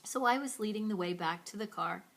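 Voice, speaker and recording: A woman's voice: medium pitch, a little fast, fairly bright tone. Wry woman telling her side. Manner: wry, playful, self-mocking. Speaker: storyteller. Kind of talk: told story, first person.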